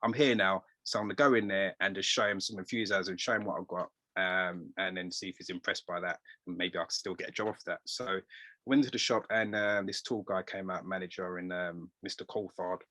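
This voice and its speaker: A middle-aged man, a tailor being interviewed, telling stories in a rambling, animated way and quoting voices. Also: low-pitched, brisk, dry recording. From England. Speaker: guest tailor. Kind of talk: casual interview storytelling.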